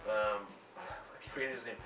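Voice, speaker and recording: A man's voice: fairly low pitch, steady tone, a little fast, over music. A man co-hosting an anime reaction, thinking aloud and speculating in casual group discussion. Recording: roomy echo, mic at a distance.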